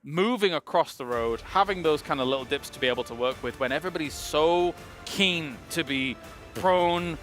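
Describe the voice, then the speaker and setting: A man on an esports analyst desk with a slightly high voice. He weighs team positions in a measured, considered way. The broadcast studio has faint music in the background. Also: a bit bright.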